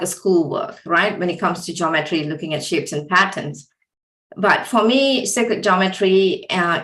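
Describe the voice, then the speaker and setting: A woman from Singapore answers interview questions in a somewhat low voice, pausing often with ums. Her voice rings in an echoey room. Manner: hesitant, many ums. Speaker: guest.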